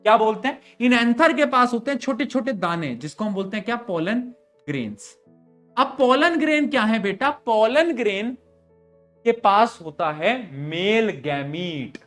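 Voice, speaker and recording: A man's voice: high voice, expressive, unhurried, fairly bright tone, faint music behind. A man teaching a live online science class, joking and teasing as he keeps firing questions at his students. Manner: playful, jokey, quizzes students with repeated questions; calls students "beta" in a fond, teasing way.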